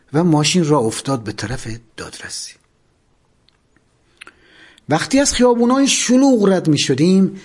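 A man narrating a first-person memoir, expressive, letting his voice sink at the ends of sentences. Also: a little high, breathy edge.

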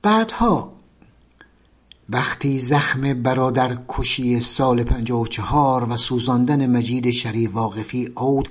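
A man narrating a memoir in measured storytelling, often dropping to soft tones. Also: medium pitch, husky.

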